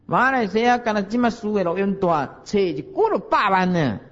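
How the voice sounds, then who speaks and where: Taiwanese Hokkien monk, folksy lo-fi sermon. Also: male voice, sits high, expressive, a little fast, fairly bright tone. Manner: folksy storytelling with chuckles and rhetorical questions. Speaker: Buddhist monk giving a dharma talk. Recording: dull lo-fi recording.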